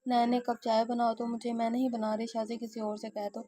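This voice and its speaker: A woman reading the part of a sleepy, sharp-tongued young wife who scolds her husband. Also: fairly high pitch, level tone, dry recording, close to an everyday voice. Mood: grumpy. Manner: grumpy, scolding.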